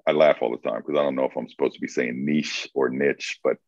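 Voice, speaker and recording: A very deep-voiced man coaching. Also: fairly even intonation, racing, creaky, a little mellow, no echo. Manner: thoughtful, restarts and repeats words. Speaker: co-host, coach for writers. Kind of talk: casual conversational advice. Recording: dry, dull lo-fi sound.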